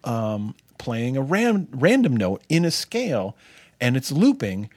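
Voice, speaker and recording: A man co-hosting a podcast in casual chat, relaxed and enthusiastic. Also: mid-range voice, unhurried, no room sound, clean studio sound. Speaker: podcast co-host.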